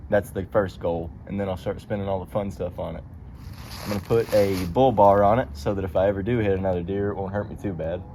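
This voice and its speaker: A man's voice: low voice, fairly even intonation, fast talker, warm tone. A man talking casually to camera in a laid-back, meandering, folksy way, with colloquial grammar. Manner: folksy colloquial phrasing, ain't and them. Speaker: vlogger. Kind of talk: casual rambling vehicle chat to camera. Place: in and around a truck. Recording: dull lo-fi audio, vehicle noise. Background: car and outdoor ambience.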